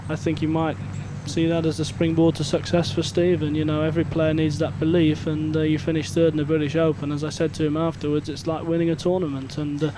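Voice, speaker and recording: A man gives live golf commentary as an analyst, in a fairly high voice with little rise and fall. His phrasing is conversational, and outdoor noise is clearly heard behind him. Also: monotone, fast, few pauses.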